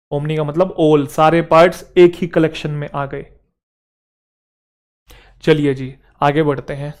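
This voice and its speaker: Young male tutor, slightly high voice, chatty and informal, checks in with students often. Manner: conversational, often adds "theek hai bhai". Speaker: teacher. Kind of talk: vocabulary lesson.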